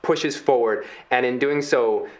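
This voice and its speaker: A man narrating a tabletop game as dungeon master, relaxed and playful, throwing in silly sound effects. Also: mid-range voice, unhurried.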